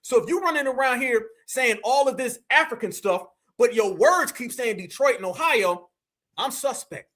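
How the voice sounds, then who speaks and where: As a livestream host, an American man talks to his audience about his opinions in a very high, somewhat bright, animated voice at normal speed. He is colloquial and emphatic, calling listeners family and leaning on repetition and rhetorical questions.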